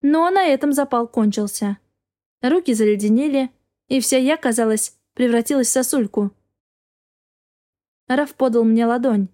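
A woman's voice: fairly high pitch, normal speed, long pauses, warm tone. A woman narrating a first-person story as an audiobook reader, with an intense, dramatic delivery.

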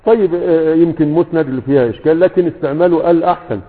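A man with an Egyptian accent teaching a grammar class, often pausing to ask his students rhetorical questions. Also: fairly high pitch. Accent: Egyptian Arabic. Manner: keeps checking in with rhetorical questions. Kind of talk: lecture with a class. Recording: echoey, tinny phone-like sound.

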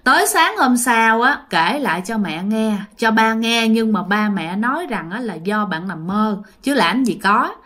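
A woman's voice: a little high, lively intonation, unhurried, few pauses, fairly bright tone. A woman retelling a listener's ghost story in a chatty way, speaking straight to her listeners. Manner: chatty, addresses listeners directly.

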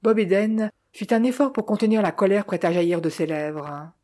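A woman reads a novel aloud as its narrator, steady and measured. Her voice is mellow and warm, at an ordinary pitch. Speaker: audiobook narrator. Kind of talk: scripted narration.

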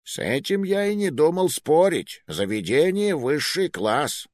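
A swaggering, brash bruiser barks out his lines loudly and bluntly, as a male storyteller puts him on. The voice is lively and swings widely. It is recorded close and dry. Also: on the high side, moderate pace, no room sound, voice pushed up, natural voice. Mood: mocking. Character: rough, swaggering burly man, blunt and brash.

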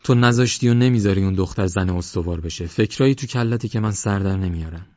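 A man's voice: sits low, darkish tone, no room sound, close to an everyday voice. A man voicing a tired, harsh and sarcastic village husband who hurls bitter accusations. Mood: angry, accusing. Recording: dull lo-fi audio.

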